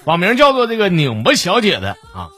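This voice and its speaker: A man's voice: sits high, wildly swooping pitch, brisk, a bit bright, faint music behind. A man with a Northeastern Mandarin accent telling listeners' funny stories in a chatty, teasing way with stumbling restarts. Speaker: host reading listener stories. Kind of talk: comic storytelling.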